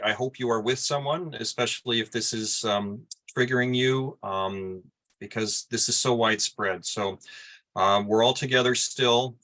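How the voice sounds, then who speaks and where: Bright-voiced man hosting an online event. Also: medium pitch. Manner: gentle, calling on speakers one by one. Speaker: event host. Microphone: video call.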